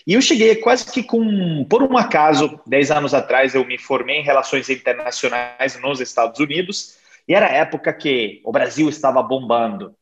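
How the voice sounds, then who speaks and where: A man in his thirties from Genoa, Italy, speaking Portuguese with an Italian accent as a podcast guest, telling his story with animated pauses and hesitations. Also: mid-range voice. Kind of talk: conversational interview. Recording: slightly dull lo-fi sound.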